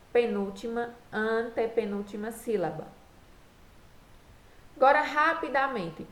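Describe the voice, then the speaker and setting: Woman teaching slowly in an echoey room. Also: on the high side. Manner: slow, patient, spelling out each rule step by step. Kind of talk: recorded classroom lesson.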